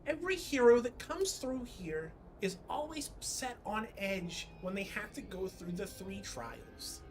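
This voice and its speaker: A woman voicing a tiny, sweet pixie secretary who coaxes and reassures gently in a tabletop role-play. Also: mid-range voice, expressive, unhurried, faint music behind, pitched above the performer's own voice, natural voice. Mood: gently reassuring.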